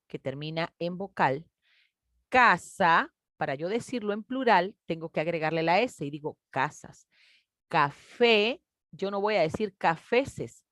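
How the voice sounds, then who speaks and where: A woman teacher, patiently explaining a grade-school grammar lesson and stretching out example words slowly. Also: lowish voice, no echo, studio quality. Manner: patient, explanatory, addresses children warmly as "mis niños".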